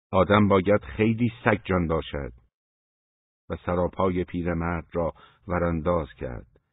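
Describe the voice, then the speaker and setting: Male audiobook reader, deep and husky, measured pacing, dry phone-like recording. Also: no room sound. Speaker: audiobook narrator. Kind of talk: scripted audiobook narration. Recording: dry, phone-like narrow sound.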